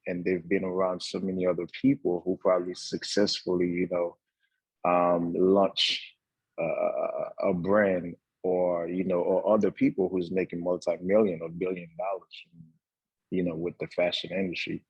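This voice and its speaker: A young man from Haiti speaks earnestly as a talk-show guest, his voice very low and slightly husky. He pauses often and fills gaps with "uh" and "you know." The sound is close and dry. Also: flat delivery, a little mellow, dry recording, dull audio. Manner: earnest, halting, many fillers. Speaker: guest entrepreneur. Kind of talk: casual talk-show conversation.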